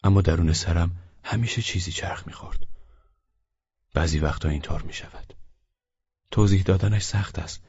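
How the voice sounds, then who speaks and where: A man reading a first-person story aloud in a measured, calm, reflective way. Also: low voice, husky. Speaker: narrator. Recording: dull lo-fi recording.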